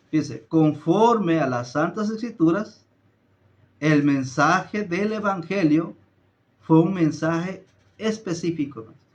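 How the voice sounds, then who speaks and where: Male preacher, a touch high-pitched, measured scripture-reading sermon with slow emphasis. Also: muffled recording. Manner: calls listeners brothers often, reads scripture aloud; slow deliberate emphasis with some filler hesitations. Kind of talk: Bible study sermon. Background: greets a viewer by name, live stream.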